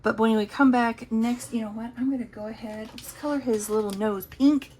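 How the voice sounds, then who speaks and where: A woman's voice: fairly high pitch, steady tone, normal speed, darkish tone, slight background noise. A woman casually talking through her savings challenges, chatty and thinking aloud as she counts. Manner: chatty, talks to herself while counting. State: has the hiccups. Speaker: budgeting vlogger.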